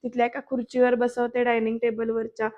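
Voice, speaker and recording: Lady doing a serial recap voice-over, keeps talking to the viewers, kinda monotone, muffled lo-fi audio. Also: fairly high pitch, fast talker. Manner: storytelling recap, often addressing the viewers directly. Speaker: serial reviewer.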